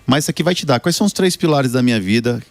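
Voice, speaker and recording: A Brazilian man in his forties, guest author on a casual talk show, speaks very fast with a medium, creaky voice and lively intonation, recorded with no room sound. He talks earnestly and motivationally about his book and life, often tagging sentences with "né?".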